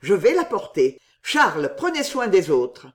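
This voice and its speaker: A woman's voice: medium pitch, wildly swooping pitch, unhurried. A woman reading aloud voices a grief-stricken naval captain who cries out in desperation. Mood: resolute.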